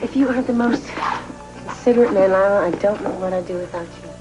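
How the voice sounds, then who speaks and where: A woman's voice: medium pitch, fast talker, dull audio, close to an everyday voice. An actress playing a troubled, self-doubting woman in a television soap opera, earnest and confiding. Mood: grateful. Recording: background music under dialogue.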